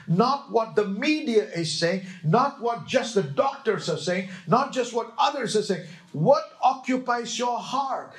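A man preaching a sermon with emphasis, quoting scripture and checking in with his listeners. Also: sits high. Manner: emphatic, slow, with call-and-response checks to the listeners.

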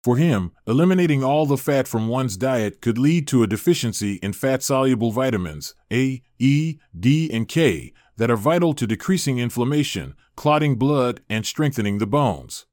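A man reading a scripted narration about exercise in an even, informative way. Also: medium pitch, normal speed, few pauses, no echo, studio quality.

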